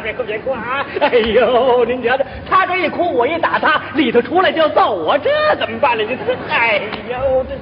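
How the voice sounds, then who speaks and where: A man's voice: extremely high pitch, lively intonation, moderate pace, hardly any pauses, some chatter behind, a little hiss or hum. A man playing a fussy, put-upon comic steward in traditional opera stage comedy, fussing and exclaiming. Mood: coaxing. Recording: lo-fi live stage recording in hall.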